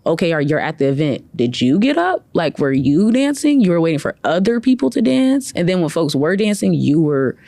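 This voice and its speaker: A woman's voice: lowish voice, sing-song, a little fast, vocal fry, hardly any pauses, warm tone, no room sound. A young woman from Cleveland talks as an interview guest, chatty and loose, with lots of "like" fillers. Her voice sounds dry and close to the mic, with no room around it. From from Cleveland, Ohio. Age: young adult. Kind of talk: casual interview conversation.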